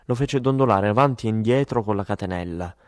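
Calm low-voiced male audiobook narrator. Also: quick pace, no echo, studio quality.

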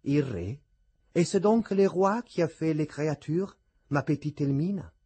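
A man voicing a young enamoured gentleman, gracious and playful. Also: medium pitch, animated, slow pace, husky.

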